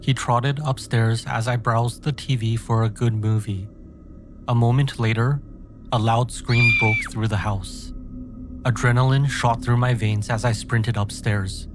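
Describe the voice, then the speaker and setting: A man reading a scripted scary story in a measured, dramatic first-person manner. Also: medium pitch, steady tone. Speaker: horror story narrator. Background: background music.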